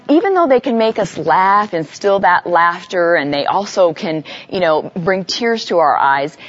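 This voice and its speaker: A woman's voice: medium pitch, muffled recording. A woman teaching parents in a live seminar, speaking conversationally and addressing the audience with everyday examples. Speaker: parenting educator giving a live talk.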